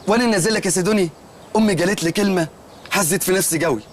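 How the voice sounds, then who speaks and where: A man's voice: sits high, very fast, a little hiss or hum, lightly acted. An actor playing a naive, earnest male shopkeeper in a comedy film, speaking with an Egyptian accent and telling rambling, literal-minded stories. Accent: Egyptian Arabic.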